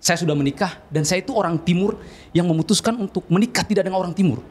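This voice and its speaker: A man from doing a stand-up comedy routine in a calm, formal storytelling manner. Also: sits high, fast talker, a little hiss or hum. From eastern Indonesia.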